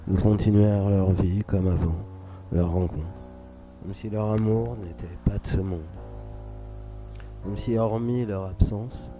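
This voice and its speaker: A man reading a scripted dramatic story for radio in a measured, solemn, literary way. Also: low-pitched. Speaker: narrator. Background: music under the voice.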